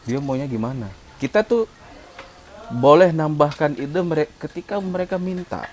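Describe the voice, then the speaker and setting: A man's voice: a little high, animated, moderate pace, a little hiss or hum. Chatty man explaining sound mixing. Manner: explains at length, imitates sounds. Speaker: co-host, music mixing engineer. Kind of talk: casual chat.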